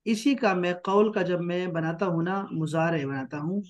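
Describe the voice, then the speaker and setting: A man teaching an online Arabic grammar class, patiently repeating key terms slowly. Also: high-pitched. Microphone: online class mic.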